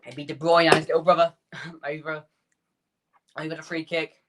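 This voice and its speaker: A man hosting a fan watchalong, calling the match player by player in quick bursts and chatting with his viewers between the action. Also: fairly high pitch, level tone, background noise. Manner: rapid player-by-player calls, chatty asides to viewers. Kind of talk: live play-by-play fan commentary.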